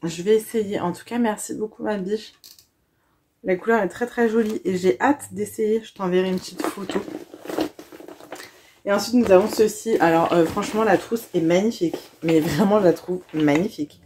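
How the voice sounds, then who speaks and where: A woman's voice: medium pitch, moderate pace, a little mellow. Young woman, chatty, gushing, unboxing vlog, faint background noise. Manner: chatty, gushing, says she is tired. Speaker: vlogger unboxing a gift box. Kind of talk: casual unboxing chat.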